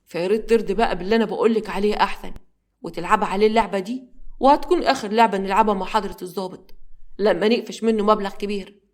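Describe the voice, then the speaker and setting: A woman's voice: medium pitch, rapid-fire, natural voice. A woman with an Egyptian accent voicing a cold, manipulative con-man husband who threatens his wife. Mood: threatening. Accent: Egyptian Arabic.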